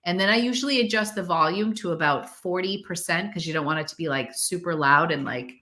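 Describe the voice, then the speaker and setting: Middle aged lady chatting on her live stream, kinda monotone, lots of likes and ums, bright crisp voice. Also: lowish voice, fairly quick. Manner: self-described monotone delivery, chatty with many "like" and "um" fillers. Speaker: reseller and YouTuber hosting a live stream. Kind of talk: casual live-stream chat.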